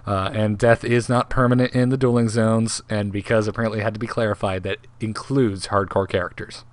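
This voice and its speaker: A man's voice: lowish voice, little pitch movement, brisk, dry recording. A man hosting a casual gaming news podcast, joking and laughing often while he reads patch notes aloud. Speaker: host.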